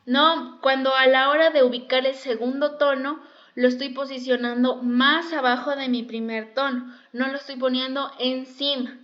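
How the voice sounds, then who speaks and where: High-voiced woman teaching makeup. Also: steady tone, normal speed. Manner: explanatory, repeats herself often. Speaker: makeup instructor. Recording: dull lo-fi sound.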